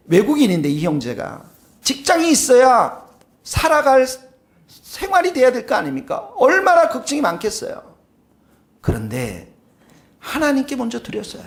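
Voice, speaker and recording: A pastor preaching a sermon with a lively, rising-and-falling delivery and a mid-range voice. The pastor keeps firing questions at the congregation, then dips into hushed, breathy emphasis before swelling loud again. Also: mid-range voice. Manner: asks the congregation rhetorical questions; dramatic swings between soft and loud.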